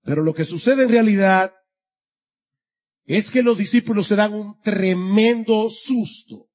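With a high-sitting, darkish voice and an unhurried pace, a pastor earnestly delivers an expository sermon to his congregation, letting his voice rise and fall to stress his points.

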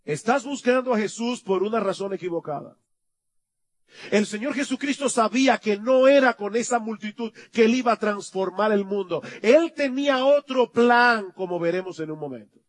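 A male pastor preaching a sermon, asking rhetorical questions and swinging from quiet to loud. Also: high voice, animated, normal speed.

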